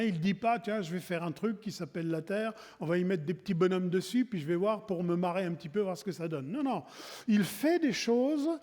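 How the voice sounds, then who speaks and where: A man's voice: high-pitched, darkish tone. A man giving a wedding sermon in a church, talking in a conversational way with frequent restarts and asides. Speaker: preacher at a wedding service. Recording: long reverb in a church hall.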